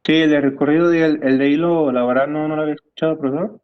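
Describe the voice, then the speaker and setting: A man's voice: a little high, fairly even intonation, quick pace, smooth, dull audio. A man, a graduate student answering in an online class, hesitant and searching for words over a video call.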